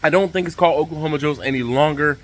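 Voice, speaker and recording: A man hosting a casual vlog to camera, speaking outdoors over the rushing water of a waterfall by a pool. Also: on the high side. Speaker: vlog host.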